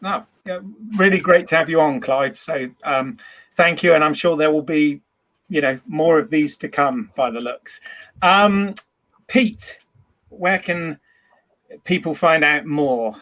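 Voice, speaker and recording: A man's voice: on the high side, unhurried, fairly bright tone. A man hosting a podcast panel, chatty, teasing and laughing easily. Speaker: podcast host. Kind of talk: casual panel chat.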